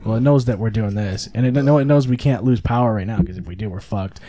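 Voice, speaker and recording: A man's voice: on the low side, quick pace, a crowd in the background. A man hosting a casual podcast chat with friends, easygoing and slangy, with some swearing.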